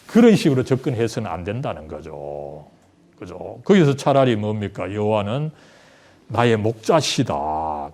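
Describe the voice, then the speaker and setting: Lively, mellow-voiced Korean male teacher. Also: medium pitch. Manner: conversational, tag question after nearly every sentence. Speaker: Bible study teacher.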